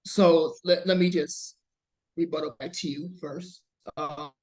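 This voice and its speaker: A man co-hosting a casual sports podcast, hesitant and measured with many fillers. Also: on the high side, fairly even intonation, a little mellow. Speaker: podcast co-host.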